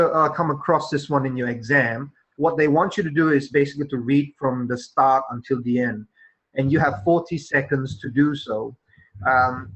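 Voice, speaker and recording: A man with a husky, slightly rough voice teaches an online English class. He explains patiently, often pausing on fillers and restarts. The sound comes through a video call. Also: medium pitch, a bit bright, low-quality recording.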